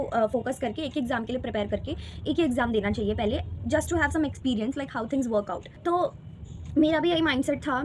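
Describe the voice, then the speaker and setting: A woman's voice: high voice, slight background noise. A woman in her twenties, talking earnestly and reflectively in a candid personal vlog, slipping English phrases into her speech. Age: 20s. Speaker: vlogger sharing exam experience.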